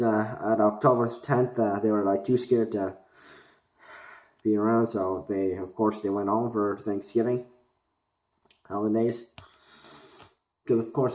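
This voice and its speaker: A young man from Korea, talking unscripted to camera as a student vlogger, halting and full of fillers and restarts. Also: on the low side, darkish tone. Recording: roomy echo.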